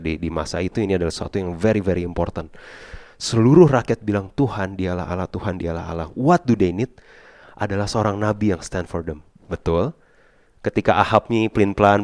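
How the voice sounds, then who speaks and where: Man preaching, lowish voice, dry close sound, slangy mix of English, loud bursts and quiet asides. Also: no room sound. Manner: Jakarta slang mixed with English, dramatic swings from loud to hushed. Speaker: pastor. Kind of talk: sermon.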